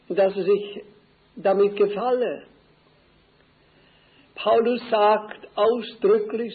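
An older man preaching a sermon slowly and deliberately, repeating key phrases for emphasis. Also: sits high. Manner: slow, deliberate, emphatic repetition. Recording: tinny phone-like old recording.

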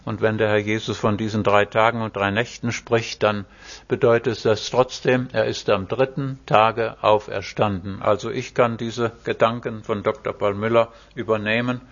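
German preacher in a dull lo-fi recording. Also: male voice, on the low side, little pitch movement. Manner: emphatic Bible exposition, reads scripture slowly and solemnly. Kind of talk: sermon.

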